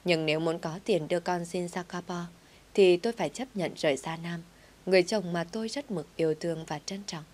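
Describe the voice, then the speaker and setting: Low-voiced woman narrating a story. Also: a little fast, a little mellow. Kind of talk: first-person story narration.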